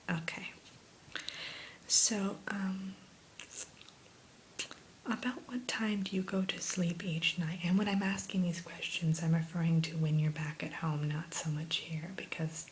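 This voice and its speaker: A woman in a whispered role-play as an attentive spa consultant, gently talking a client through questions and advice like a spa receptionist. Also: fairly low pitch, steady tone, slow pace, long pauses, poor audio. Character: soothing, attentive female spa sleep consultant. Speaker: ASMR performer playing a spa sleep consultant. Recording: close whisper with background hiss.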